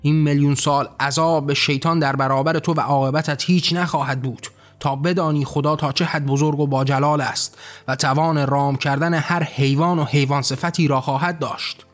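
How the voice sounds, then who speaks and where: Brief: a man doing an enraged god-king on his throne, bellowing threats, voice pushed higher, faint music behind. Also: steady tone, hardly any pauses, natural voice. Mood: furious. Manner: thundering, commanding shouts. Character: wrathful almighty male god on a throne.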